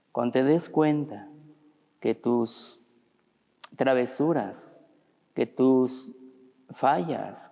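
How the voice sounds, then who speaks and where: A priest giving a storytelling sermon, addressing the congregation as brothers. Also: male voice, mid-range voice, vocal fry, dark tone, long reverb tail, muffled recording. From Mexico. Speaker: parish priest. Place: church.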